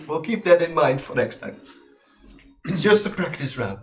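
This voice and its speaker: A man's voice: on the high side, animated, unhurried, faint music behind. A man chatting casually as a player at a tabletop game, in a roomy space.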